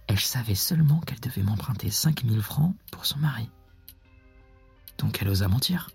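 A man narrating a literary story in a measured way that often drops to a whisper. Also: mid-range voice, expressive, gravelly, a little mellow, husky, no room sound, faint music behind.

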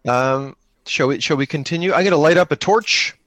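Hosting and playing an improvised solo-engine tabletop roleplaying game, a man chats casually, thinking aloud and answering his own questions. His voice sits on the high side, fairly bright and a little fast, with no room sound.

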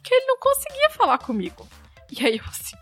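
Animated high-voiced Brazilian woman. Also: fast, faint music behind. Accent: Brazilian Portuguese. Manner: animated, acts out quoted dialogue. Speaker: storyteller guest. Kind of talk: casual chat, telling a personal story.

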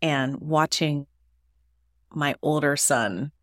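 A woman in her forties co-hosts a casual podcast chat, with a slightly low voice recorded close and dry. She is supportive, often chiming in with short agreements. Her longer turns come out relaxed and conversational. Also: takes it slowly, no room sound. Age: 40s. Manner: supportive, chimes in with short affirmations. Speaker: podcast co-host.

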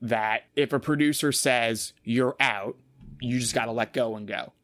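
A man hosting a casual podcast chat, talking in an animated way and often repeating words as he gathers his thoughts. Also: medium pitch, moderate pace, no echo, studio quality.

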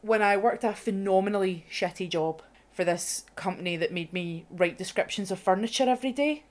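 A woman's voice: mid-range voice, brisk. A Scottish woman co-hosting a radio music show, chatting and telling stories with plenty of swearing. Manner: sweary, animated storytelling. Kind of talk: casual chat.

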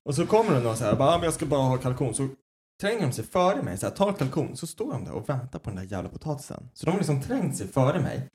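A man co-hosting a podcast, chatting casually and telling stories with lively acted-out quotes. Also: medium pitch. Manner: animated storytelling, acts out quoted voices. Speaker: podcast co-host. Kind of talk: casual chat.

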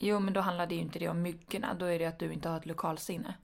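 A woman's voice: fairly low pitch, level tone, vocal fry. A woman with a Stockholm accent chatting casually as a podcast co-host, blunt and teasing in an informal way. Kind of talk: casual chat.

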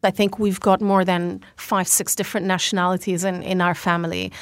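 A fashion founder from Algeria, a woman in her thirties with a Lebanese accent, reflects as a guest in a conversational interview, using many fillers and restarts. Her voice is on the low side with fairly even intonation and a brisk pace. There's no echo.

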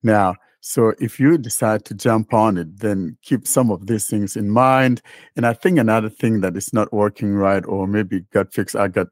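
A man hosting a casual tech podcast, talking in a relaxed, rambling way with dry, sarcastic humor. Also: lowish voice, normal speed, no echo. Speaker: podcast host.

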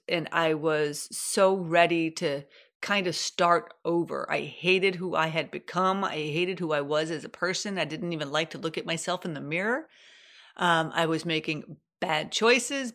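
Woman, forties, from Sweden, candid solo podcast talk, a touch low-pitched, morning throat. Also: a bit bright. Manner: candid, storytelling, acts out her own quotes. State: morning throat, sipping coffee. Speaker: podcast host.

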